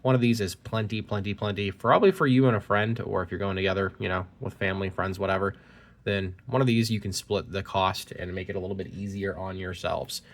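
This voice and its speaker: A man with a deep voice and fairly even intonation talks fairly quickly while opening trading cards, reading the card text aloud. He sounds slightly congested from a cold, and the clip is a point-of-view phone recording.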